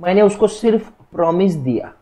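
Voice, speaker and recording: A man's voice: high voice, animated, normal speed, mellow. A young man teaching law in a casual classroom lecture, explaining through chatty, jokey stories.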